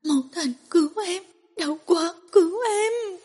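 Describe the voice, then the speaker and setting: A woman's voice: extremely high pitch, expressive, normal speed, a little mellow, voice pushed up. A woman narrator voicing a fragile, traumatized young woman who sobs and pleads like a child. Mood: sobbing, pleading. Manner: weeping, pleading, trembling.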